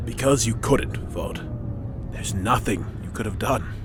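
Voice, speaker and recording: A man's voice: fairly low pitch, a little slow, natural voice. A man playing a stern, protective clone captain and big brother in an audio drama, speaking firmly and earnestly. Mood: gentle, consoling. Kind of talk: dramatic audio fiction acting. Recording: music bed under the voice.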